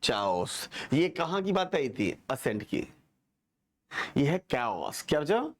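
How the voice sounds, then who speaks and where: थोड़ी ऊँची आवाज़ वाला एक पुरुष शिक्षक, कक्षा में जोश और मज़ाक के साथ पढ़ाता हुआ। बार-बार छात्रों से सवाल पूछता है और शब्द दोहरवाता है।. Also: male voice, fairly high pitch, measured pace. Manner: animated, joking, asks students to repeat. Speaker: teacher. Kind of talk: lively classroom lesson.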